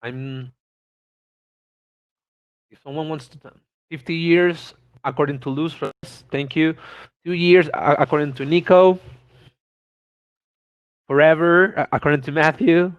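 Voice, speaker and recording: Presenting online at a conference, this Venezuelan speaker in his thirties talks eagerly in his Venezuelan Spanish accent, frequently restarting and repeating words. His smooth voice is on the high side, slow and full of pauses. The audio has no room sound and comes across narrow and tinny.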